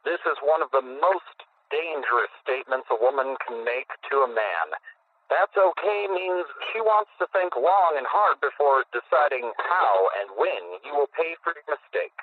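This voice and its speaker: A man's voice: mid-range voice, lively intonation, moderate pace, few pauses. A man radio host reading out a comic list in a dry, explanatory way. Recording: tinny phone-like dry radio audio.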